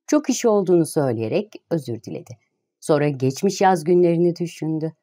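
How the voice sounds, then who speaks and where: A woman reading a classic novel aloud as narrator, in a calm, even storytelling manner. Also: sits low, fast.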